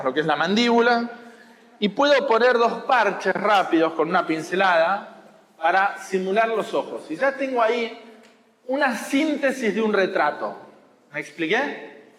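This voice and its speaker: Rioplatense male art teacher, high voice, explanatory and teasing, echoey hall. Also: a bit bright. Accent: Rioplatense Spanish. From Argentina. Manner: explanatory, teasing, checks understanding. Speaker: watercolor teacher. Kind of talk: masterclass to students. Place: school hall.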